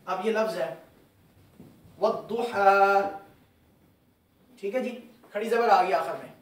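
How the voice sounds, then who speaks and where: High-voiced man teaching in an echoey hall. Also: fairly quick. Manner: patient, repeats and quizzes students. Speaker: religious teacher. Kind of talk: Quran recitation lesson. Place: mosque hall. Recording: echoey hall, far from mic.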